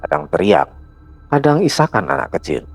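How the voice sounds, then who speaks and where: A man narrating a horror story in a dramatic, hushed storytelling manner. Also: low voice, sing-song, moderate pace, over music.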